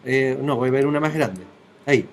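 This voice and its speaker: A man's voice: medium pitch, normal speed. A man teaching web design in a classroom. He walks through each step and keeps checking that his students follow. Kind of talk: classroom software tutorial.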